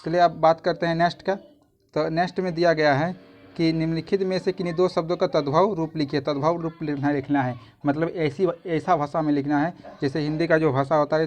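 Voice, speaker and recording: A man's voice: fairly high pitch, darkish tone. A man, a YouTube tutor walking through exam answers in a casual, repetitive way that often restarts phrases.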